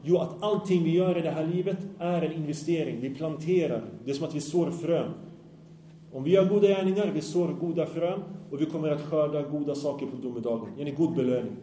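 A man delivers a sermon in an earnest, questioning way, checking in with his listeners. His tone is mellow and relaxed. The room rings with echo under a light background hiss. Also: on the high side. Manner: earnest, asks the audience often. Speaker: preacher. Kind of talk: Islamic sermon to youth.

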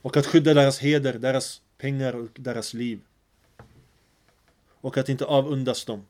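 A man's voice: mid-range voice, fairly even intonation, a little mellow. A man giving an earnest religious lecture, telling stories and mixing in phrases. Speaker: preacher.

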